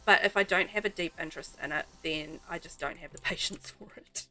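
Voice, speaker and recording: Bright chatty New Zealand woman. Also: lowish voice, fairly quick. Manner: rambling, chatty, answers viewers' chat. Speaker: game streamer. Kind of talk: casual chat while playing.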